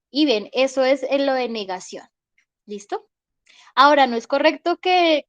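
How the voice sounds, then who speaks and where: A woman's voice: high voice, no room sound. A woman teaching an English grammar class, explaining patiently and checking in with her students often.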